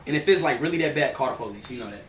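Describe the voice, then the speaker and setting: A young man streaming live, loud and hyped, then dropping to nervous mutters. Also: mid-range voice, animated, very fast, distant mic. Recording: roomy, off-mic with hum.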